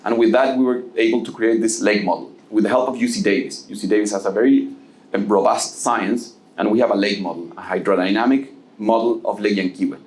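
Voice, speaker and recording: Low-voiced man explaining at a panel. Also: steady tone, a little fast, darkish tone. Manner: explanatory, with frequent restarts and "okay?" check-ins. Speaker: panelist from a lake conservation nonprofit. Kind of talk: answering an audience question at a live panel. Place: event room at a live panel. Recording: echoey room.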